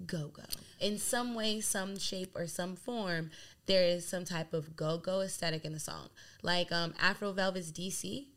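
Speaking a little slowly in a lowish voice, this young Delaware woman, a DJ appearing as a guest, talks casually in an interview. Her delivery is animated and wandering, packed with "like."

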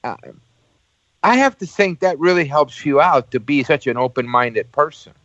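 A man's voice: on the high side, expressive, moderate pace, fairly bright tone, dry recording. Male interview host, slightly lo-fi and dry. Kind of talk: casual conversational interview.

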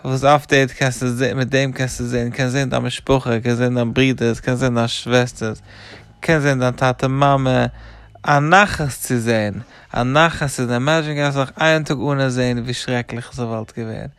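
A man's voice: medium pitch, fairly even intonation, a little fast, a bit bright, smooth, no room sound. A middle-aged man, a rabbi, patiently explaining to a child and listing things with devout, repeated thanks.

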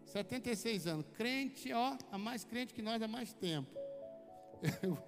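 Brazilian male preacher, unusually high voice, anecdotal and talkative, echoing church hall. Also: animated, unhurried. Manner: chatty storytelling, addresses listeners as brother. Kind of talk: conversational sermon with personal anecdotes. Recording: long hall reverb with faint music.

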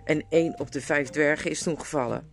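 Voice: mid-range voice, fairly quick, vocal fry, natural voice. A reader voicing a bitter, angry dwarf. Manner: bitter, mocking, scolding. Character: angry grumbling male dwarf. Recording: guitar music playing underneath.

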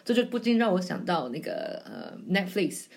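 A woman's voice: lowish voice, huge pitch swings, moderate pace, gravelly, darkish tone. A woman, chatting on her own podcast in a rambling, self-mocking way. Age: 20s. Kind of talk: casual solo storytelling.

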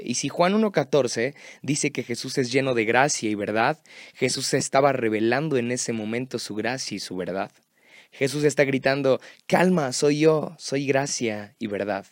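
Brief: male preacher, chatty sermon style, mid pitch, dry booth sound. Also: no room sound. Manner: conversational, asks the listener questions. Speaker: youth preacher. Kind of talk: devotional sermon podcast.

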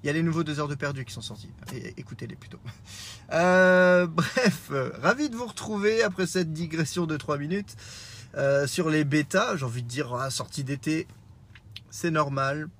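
A man's voice: fairly high pitch, animated, fairly quick. A man with a Lorraine accent hosting a casual solo podcast, rambling with lots of fillers and self-corrections, teasing himself, recorded on a smartwatch microphone while driving. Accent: Lorraine French. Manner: self-deprecating. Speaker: podcast host.

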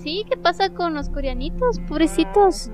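A woman's voice: extremely high pitch, animated, moderate pace, darkish tone, faint music behind. A woman co-hosting a comedy podcast, joking bluntly and crudely and reading fanfic aloud with playful put-on voices. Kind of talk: casual comedic chat and dramatic reading.

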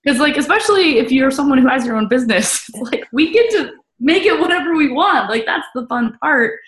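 A woman in casual chat, animated and full of fillers as she talks. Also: high-pitched, brisk. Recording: roomy echo.

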